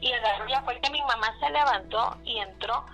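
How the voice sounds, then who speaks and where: A woman with a Mexican accent tells a personal story in a loose, rambling way, with a grainy, gravelly edge to her voice. Her tone is bright and tense and sits a little high. She keeps circling back with little fillers as she goes. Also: brisk, faint music behind, poor audio. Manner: rambling, repeats "le digo" and "dice", fillers like "este". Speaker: guest telling a personal story. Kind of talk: casual spoken storytelling.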